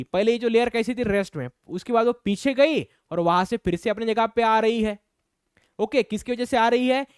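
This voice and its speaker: Male physics teacher, high smooth voice, repeats key points, counts rhythms aloud. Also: darkish tone, no echo, clean studio sound. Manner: asks and answers his own questions, repeats key points. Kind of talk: online classroom lesson.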